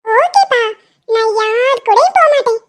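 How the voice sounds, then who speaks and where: Cartoon little girl, bright and chatty, squeaky high sing-song voice, acted by a woman. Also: lively intonation, measured pace. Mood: sweet. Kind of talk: animated story voice acting.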